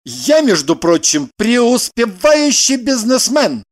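A man's voice: high-pitched, animated, measured pace. A man reading the part of a prim, self-important businessman in an audiobook, stiff and indignant.

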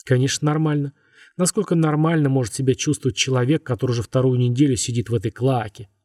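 A man's voice: mid-range voice, fairly even intonation, fast, warm tone, dry recording, clean studio sound, close to an everyday voice. A man reading a defiant, belligerent young man who feels cornered. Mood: haughty. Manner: haughty and belligerent.

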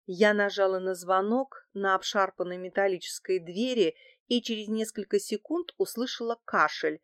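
Female first-person audiobook narrator, measured, dry close read. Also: mid-range voice, no room sound.

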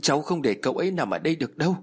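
Frightened teenage girl pleading in tears, put on by a male narrator, raised pitch. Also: expressive, brisk, husky. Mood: distraught. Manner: pleading, tearful and desperate.

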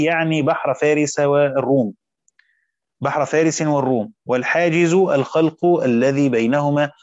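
A man, reading a classical Quran commentary aloud and pausing to explain passages. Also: fairly high pitch, no room sound. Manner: reads quotes aloud, adds brief spoken asides. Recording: dull dry lo-fi recording.

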